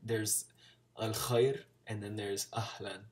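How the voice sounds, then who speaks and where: A man's voice: lowish voice, level tone, takes it slowly. An American man talking casually in a vlog, chattily sounding out Arabic words as a learner. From United States. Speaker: language-learning vlogger.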